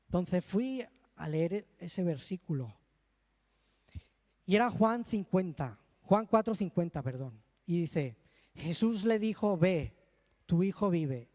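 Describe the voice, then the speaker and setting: A man's voice: sits high, expressive, slow, dark tone. A man preaching a sermon in a church and telling a heartfelt personal testimony. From Spain. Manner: earnest, heartfelt storytelling with emotional asides. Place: church hall. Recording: long reverb of a church hall.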